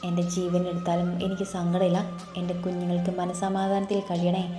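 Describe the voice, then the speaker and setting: A woman voicing a caring, worried middle-aged mother who soothes and gently scolds, in a storybook reading with faint music in an echoey room. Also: on the low side, completely flat delivery, a little fast, close to an everyday voice. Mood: praying.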